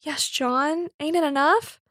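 A woman's voice: sits high, slow, pushed and bright, no echo, studio quality, pitched above the performer's own voice, heavily acted. A woman voicing a tearful young working-class woman, pleading and emotional, in rustic dialect. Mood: earnest.

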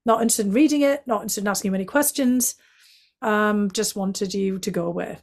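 A woman's voice: medium pitch, fast talker, gravelly. A middle-aged woman with a Northeast English accent, from County Durham, answering interview questions in a fluent, candid way with frequent fillers. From County Durham, England. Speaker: guest, former intelligence analyst.

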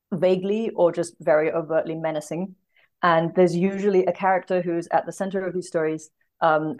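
This woman, a literary translator interviewed on a podcast, has a lowish voice with a darkish tone. She speaks conversationally and sincerely, regularly groping for the right words.

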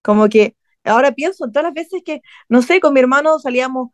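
A woman's voice: sits high, expressive, fast talker, no room sound. A young woman with a Chilean accent, telling a story in casual chat with slang and restarts.

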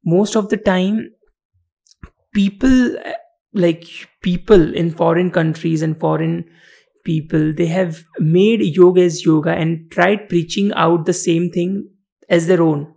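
A man with an Indian accent hosting a casual interview, creaky-voiced, talking in a hesitant, rambling way full of hedges. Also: sits high, fairly even intonation, slow pace, a little mellow. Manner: hesitant, rambling, hedging, with some Hindi mixed in. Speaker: podcast host.

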